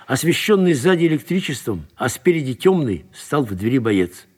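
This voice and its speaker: A man narrating a literary story aloud, with an expressive and dramatic reading. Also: medium pitch, normal speed, breathy edge.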